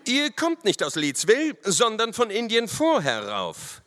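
A man's voice: sits high, wildly swooping pitch, unhurried, a bit bright, voice pushed up, heavily acted. A man voicing a stern young cavalry lieutenant who barks orders, in a story reading with a long hall reverb. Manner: harsh, barking orders.

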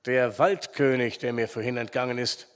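A man voicing a calm, decisive male investigator who explains firmly, in reverberant sound. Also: medium pitch, moderate pace, voice pushed down, natural voice.

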